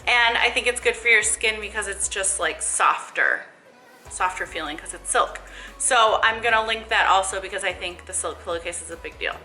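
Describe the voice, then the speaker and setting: A young woman with a bright, forward voice talks casually through a hair tutorial, rambling with fillers and asides and a little out of breath. She sounds like she is in an echoey room at home. Faint music plays behind her. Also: medium pitch, normal speed. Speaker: hair stylist vlogger.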